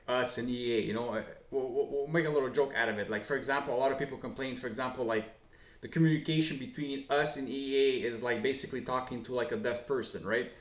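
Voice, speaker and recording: A man at a middle pitch rambles through a casual story to his viewers, swearing freely and restarting his sentences. His voice bounces around a reverberant room, picked up by a face cam setup. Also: a bit bright. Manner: profane, rambling storyteller full of fillers and restarts. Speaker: gaming video host. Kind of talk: casual rambling commentary to camera. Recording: echoey room.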